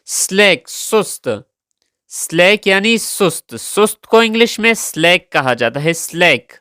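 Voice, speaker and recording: A man's voice: high voice, sing-song, slow, sharp tone, no room sound, clean studio sound. A man teaching English vocabulary, saying each word several times and spelling it out letter by letter. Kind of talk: slow vocabulary lesson, spelling words letter by letter.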